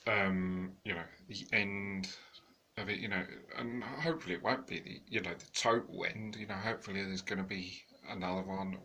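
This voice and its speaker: A man with a deep voice reviews a film in an unscripted, meandering way. He restarts his sentences and leans on fillers, and he sounds tired. His tone stays bright and pushy despite the low pitch. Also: steady tone, moderate pace, slightly rough. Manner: rambling, many fillers and restarts. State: tired, yawning. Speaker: home video reviewer.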